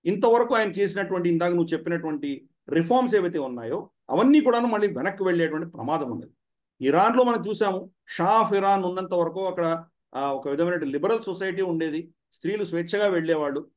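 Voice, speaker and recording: A man's voice: high voice, expressive, fast talker. A man speaking as a commentator guest in a studio discussion, explaining at length with frequent "ah" fillers.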